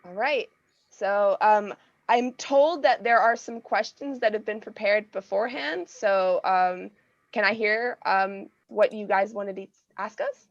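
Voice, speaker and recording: American woman hosting a panel, slightly gravelly. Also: medium pitch, a little slow, dry recording, lo-fi sound. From United States. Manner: friendly, chatty with frequent fillers. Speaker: panel host, technical animator. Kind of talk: casual panel talk.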